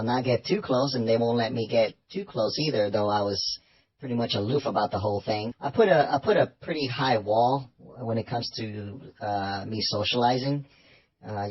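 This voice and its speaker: A man speaking through an electronically disguised deep voice, rambling to viewers in a casual monologue with frequent restarts. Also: husky. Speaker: anonymous vlogger. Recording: dull lo-fi sound.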